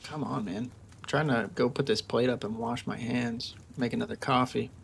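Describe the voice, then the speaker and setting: A man's voice: medium pitch, fairly even intonation, normal speed, creaky, slight background noise. A man streaming live from home, giving casual, hyped-up commentary on his trades. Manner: hyped, cheering the market on.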